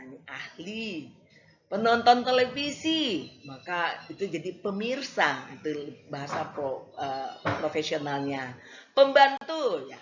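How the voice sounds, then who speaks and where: A woman lecturer giving a casual classroom lecture, hesitating with many fillers and acting out examples. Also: low-pitched. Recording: slightly dull lo-fi recording.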